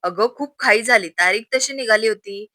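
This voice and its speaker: A woman's voice: on the high side, moderate pace, bright, forceful tone, no echo, clean studio sound. A woman voicing a busy, caring young husband who talks in an easygoing, affectionate way.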